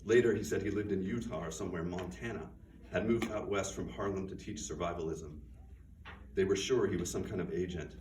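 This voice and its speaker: Far from the microphone in a bookstore event room, a man with a very low voice quietly reads his own fiction at a measured pace. The sound is roomy and distant, with faint noise underneath.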